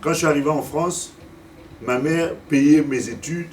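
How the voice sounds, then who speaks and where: Preaching a Sunday sermon, this pastor in his fifties from Africa has a fairly high-pitched yet darkish voice and speaks a little slowly. He repeats and stumbles over words as he looks for them and questions the congregation directly, heard through a distant mic with faint room ambience and a little hiss or hum.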